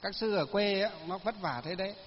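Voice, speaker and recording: A monk giving a sermon, telling folksy stories with many fillers. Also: male voice, sits high, fairly quick, slight background noise. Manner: folksy storytelling, many fillers, laughs at own tales. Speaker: Buddhist monk. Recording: lo-fi recording with long hall reverb.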